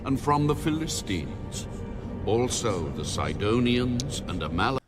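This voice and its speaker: A man's voice: mid-range voice, very animated, measured pace. A man playing a stern, reproachful God, solemn and declamatory, in a dramatized audio Bible. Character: God, stern, reproachful, commanding male deity. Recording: music under the voice.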